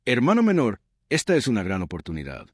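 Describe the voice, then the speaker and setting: A man's voice: mid-range voice, huge pitch swings, fast talker, no echo, studio quality. A man voicing a teasing senior male disciple in a story recap.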